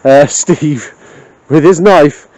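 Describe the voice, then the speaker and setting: A man's voice: on the high side, slow, warm tone, dry recording. A man with a South Wales Valleys accent chatting casually and jokily to a handheld camera outdoors. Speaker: camper filming an outdoor vlog. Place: outdoors at a woodland campsite.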